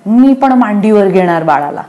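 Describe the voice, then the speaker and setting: A woman voicing a stubborn little girl who whines and shouts, jealous of a new baby, in a children's radio story. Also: mid-range voice, expressive, normal speed, dull audio, natural voice. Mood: whiny. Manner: whining, shouting.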